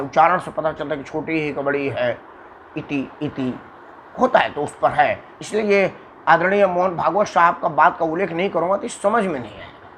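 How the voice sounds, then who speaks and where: A man from Uttar Pradesh delivers a long political monologue straight to his viewers, hammering points home with repetition and sudden shifts in intonation. His voice sits a little high for a man. A faint background noise runs under the recording. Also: a bit bright, rough recording. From Uttar Pradesh, India. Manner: emphatic, repetitive, demonstrates intonation with dramatic shifts. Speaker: political commentator. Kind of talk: monologue to camera.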